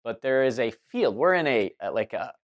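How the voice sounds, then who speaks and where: A man's voice: mid-range voice, sing-song, normal speed, muffled recording. A man giving a loose spoken monologue as host, restarting sentences and circling back with fillers as he talks. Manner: rambling, many restarts and fillers. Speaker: spiritual talk host.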